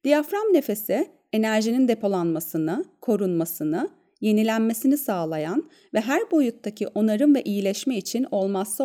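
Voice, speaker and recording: A woman with a soft-edged, very mellow voice at an average pitch. She speaks in a calm, measured manner, like a therapist narrating a scripted wellness podcast and guiding a breathing exercise.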